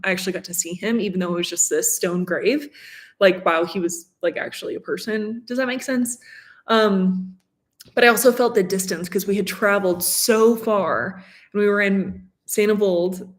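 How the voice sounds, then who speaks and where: Chatty young woman in her twenties. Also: mid-range voice. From Colorado. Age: 20s. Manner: chatty, fillers and restarts, reads viewer comments. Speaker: vlogger co-host. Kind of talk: casual livestream chat.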